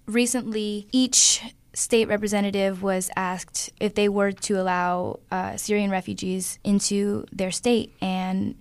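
A woman's voice: medium pitch, flat delivery, measured pace, hardly any pauses, clean tone, no room sound. Teen girl co-hosting a youth radio show. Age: teens. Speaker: student co-host. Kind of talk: scripted news segment and discussion. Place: radio studio.

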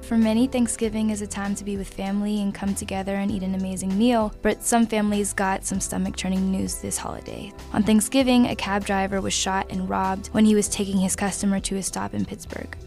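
A woman's voice: mid-range voice, flat delivery, fairly quick, vocal fry, few pauses, a little mellow, faint music behind. Teen girl co-hosting a youth radio show. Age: teens. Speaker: student co-host. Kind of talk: scripted news segment and discussion. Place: radio studio.

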